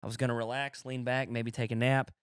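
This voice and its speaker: A man's voice: medium pitch, flat delivery, brisk, clear, resonant tone, dry recording, clean studio sound. A man from Appalachia, a stand-up comedian hosting a podcast, telling crude rambling stories with a laugh in his voice. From Appalachia, USA. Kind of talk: casual comedy podcast chat.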